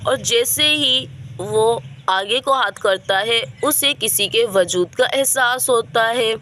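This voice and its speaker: A woman narrating a doll story in a steady, plain storytelling manner. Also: fairly high pitch, slow.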